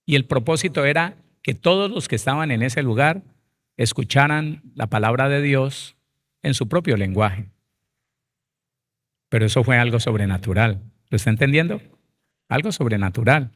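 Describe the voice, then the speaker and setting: A man's voice: mid-range voice, lively intonation, moderate pace, pauses often. Pastor guy preaching, emphatic, talks straight to the listeners. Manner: emphatic, addresses listeners directly. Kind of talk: sermon, Bible seminar.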